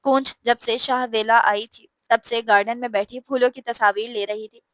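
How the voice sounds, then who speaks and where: A woman narrating a romantic novel in a steady, expressive reading voice. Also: on the high side, moderate pace, no echo. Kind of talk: scripted storybook narration.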